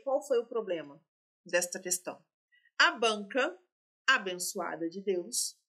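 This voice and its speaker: A woman walks students through exam questions. Her voice is clear, bright and slightly high, and she explains each step while talking straight to her class. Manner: explanatory, addresses students directly. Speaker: teacher.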